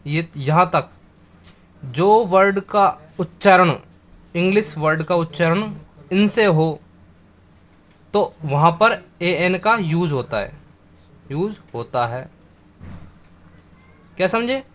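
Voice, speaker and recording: A male teacher gives an unhurried grammar lesson, repeating himself and spelling words out letter by letter. His voice sits a little high for a man. A faint hum of room noise stays behind him. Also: animated, fairly bright tone. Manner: addresses viewers as friends.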